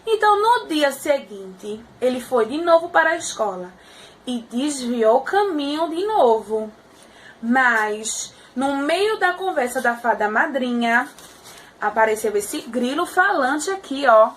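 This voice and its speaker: A woman teacher telling a story to small children, animated and often checking in with her listeners. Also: high voice, a little slow, slight background noise.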